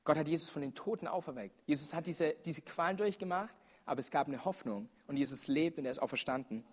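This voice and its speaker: A man's voice: a little high, fast, husky. A man with a somewhat raised voice preaches a sermon in a church service. He speaks earnestly and urgently, pressing his listeners, and his delivery is dotted with fillers.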